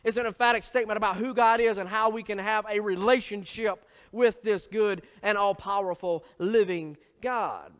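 A man's voice: high voice, normal speed, few pauses, fairly bright tone, big-room sound. A man preaching as pastor, emphatic, building his points through repeated phrases. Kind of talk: sermon.

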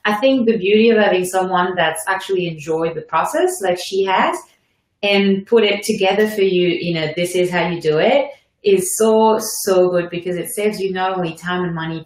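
French-accented woman host, low-ish voice, chatty and encouraging, live webinar, roomy echo. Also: moderate pace. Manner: chatty, encouraging, many fillers.

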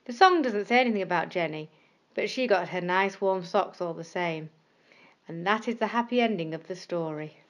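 A woman storyteller reading bedtime stories for children in a gentle, expressive way. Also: on the low side, normal speed, muffled recording.

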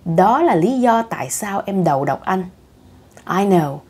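A woman reading the lines of a wife at her husband's deathbed, speaking in a soothing, hushed way. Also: mid-range voice, animated, a little slow, husky. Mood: cold.

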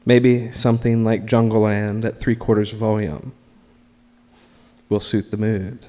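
At a live open mic, an American man performs his own poetry and stories in a slightly low, mellow voice with a level tone. He goes very slowly and deliberately, pausing between short, measured phrases, while the room adds a long reverb.

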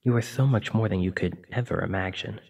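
With a fairly low pitch and a breathy edge, a man talks fairly quickly as a kindly, apologetic sleep paralysis demon in an ASMR roleplay, gentle, reassuring and informal. The mic sits at a distance.

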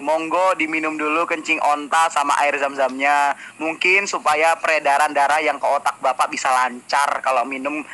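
A man's voice: medium pitch, sharp tone, poor audio. A man speaking in a voice-note debate, mocking and sarcastic as he argues. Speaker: religious debater.

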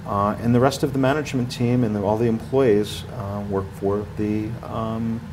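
A man's voice: fairly low pitch, normal speed, background noise. A man in his forties, a guest in a studio interview, talking in a rambling way with many fillers and restarts. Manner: rambling, with many fillers and restarts, gets louder when animated. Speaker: ski area marketing director, guest. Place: small TV studio, indoors.

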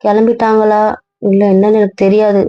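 A woman's voice: mid-range voice, level tone, fairly quick, no echo. A young woman in casual couple banter, sulky, pleading and stubborn. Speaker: wife in a couple vlog skit. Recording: dull, dry lo-fi audio.

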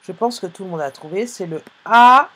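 A woman teaching a phonics lesson to young pupils over a live online class, speaking slowly and clearly, spelling out sounds and letters with patience. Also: mid-range voice, expressive, fairly bright tone.

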